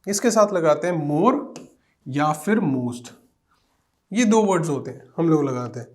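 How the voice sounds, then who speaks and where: A man teaching English grammar in a classroom style. He explains step by step, keeps checking in with his students, and reads the example sentences slowly and deliberately. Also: a little high, lively intonation, a little mellow.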